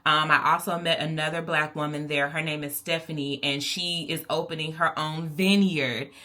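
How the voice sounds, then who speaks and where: Texan woman vlogger, low-pitched and bright-toned, chatty to-camera talk with playful asides. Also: steady tone, moderate pace. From Texas. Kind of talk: casual vlog talk to camera.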